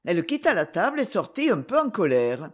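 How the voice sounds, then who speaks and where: A woman narrating a storybook aloud in a clear, expressive manner. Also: on the low side, brisk. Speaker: audiobook reader.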